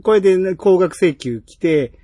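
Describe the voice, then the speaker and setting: A man with a Kansai accent, co-hosting a casual podcast chat about a TV drama, telling scenes in a lively way. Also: high-pitched, unhurried, no room sound, clean studio sound. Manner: chatty, animated storytelling with acted-out quotes. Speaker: podcast co-host.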